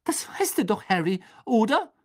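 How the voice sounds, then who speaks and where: An audiobook reader voicing a clever, indignant teenage girl witch in a high, quick voice. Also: sing-song.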